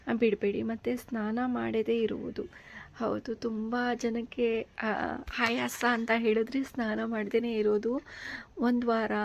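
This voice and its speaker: A woman's voice: a little high, vocal fry, a little mellow, highs cut off. A woman hosting a channel, giving casual household advice in a chatty way, with frequent fillers and checks for agreement.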